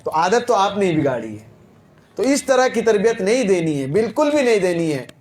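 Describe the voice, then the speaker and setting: A man preaching a sermon, telling stories and quizzing his listeners with rhetorical questions, his voice rising and falling in loudness. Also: high voice, big pitch swings. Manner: rhetorical questions to the audience, dramatic swings in loudness. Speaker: Islamic preacher. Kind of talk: Urdu sermon with storytelling.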